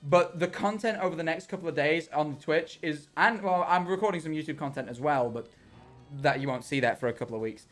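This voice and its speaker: A man's voice: fairly high pitch, brisk, fairly bright tone, soft background music. Young man streaming, rambling and self-correcting. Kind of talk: casual livestream chat while gaming.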